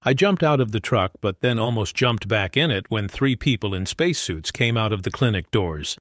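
A man narrating a first-person story in a plain, steady reading voice. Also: lowish voice, moderate pace, dry recording, studio quality. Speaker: audiobook narrator.

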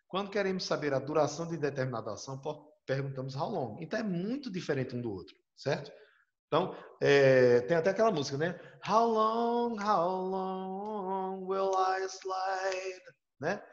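Man, teacher, explaining patiently, slightly high voice, roomy and muffled audio. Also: expressive, fast. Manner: explanatory, asks students for confirmation. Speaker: English teacher. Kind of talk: online class lecture.

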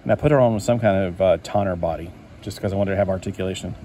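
Sitting at an indoor table, a man flips through a collector magazine and chats to himself, rambling and easily delighted. His voice sits low and warm, the words come rapid-fire, and a faint hiss or hum runs underneath.

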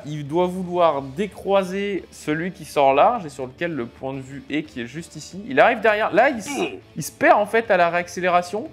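A sim racing video creator provides casual, expressive commentary over racing game clips in a fairly high voice. He speaks in halting bursts full of fillers and reacts out loud to the crashes.

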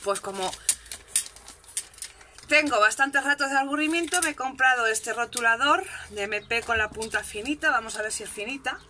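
A chatty woman talks casually at her craft desk. Her voice is very bright and sharp, and her manner is self-mocking. The overhead camera picks up a faint hiss in the background. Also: on the high side, normal speed. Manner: chatty, self-mocking, frequent "¿vale?" check-ins. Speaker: crafting vlogger. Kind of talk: casual shopping haul chat. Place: home craft desk, indoors.

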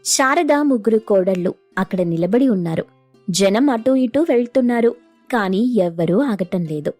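A woman narrating a cartoon storybook in a steady, even manner. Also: medium pitch, normal speed, dry recording, faint music behind.

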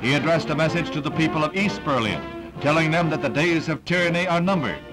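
A man giving emphatic, formal old newsreel narration over a loud music score. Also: on the high side, fast, poor audio.

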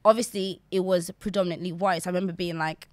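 This fast-talking Zambian guest in her twenties has a voice on the low side, captured with no echo on a desk podcast microphone. She's animated and gestures constantly while chatting casually in a small indoor studio interview.

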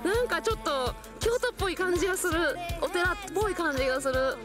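A woman with a Kansai accent hosting a motorbike travel show, chatting casually and excitably outdoors. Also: extremely high pitch, fast talker. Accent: Kansai Japanese. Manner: excitable, giggly. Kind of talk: casual on-location reporting. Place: outdoors on roads and temple grounds. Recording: outdoor location sound under loud music.

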